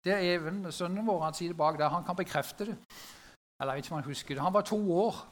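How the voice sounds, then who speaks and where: Middle-aged man, high-pitched voice, storytelling talk, speaking to an audience, conversational, asks listeners questions.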